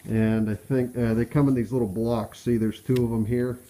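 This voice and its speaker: An American man talking through a respirator mask, muffled, giving a casual hands-on how-to in a halting, plain-spoken way. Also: mid-range voice, little pitch movement, warm tone. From Pennsylvania, US. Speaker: DIY truck restorer. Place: cluttered workshop, indoors.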